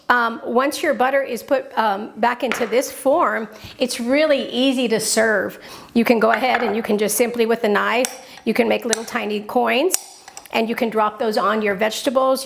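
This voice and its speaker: Cooking host, middle-aged woman, higher voice with a gravelly edge, chatty and upbeat, home kitchen. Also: normal speed, a little hiss or hum. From New Mexico. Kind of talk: cooking demonstration.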